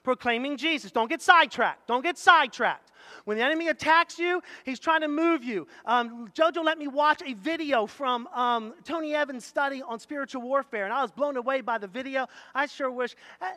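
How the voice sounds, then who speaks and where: High, bright-voiced impassioned male preacher. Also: brisk, few pauses. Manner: impassioned, swings between loud exhortation and low asides; calls out congregation members by name. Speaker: pastor. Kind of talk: sermon. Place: church.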